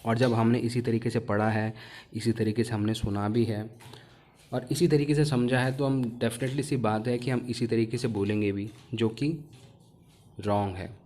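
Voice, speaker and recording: A man's voice: mid-range voice, steady tone, normal speed, darkish tone, slight background noise. A man teaching English pronunciation, explaining step by step and modelling each letter sound one at a time. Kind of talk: spoken language lesson.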